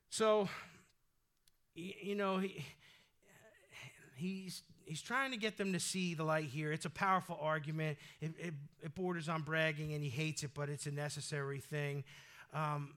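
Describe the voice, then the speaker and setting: High bright-voiced male preacher. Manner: conversational, energetic preaching with sudden loud exhortations. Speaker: pastor. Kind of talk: sermon.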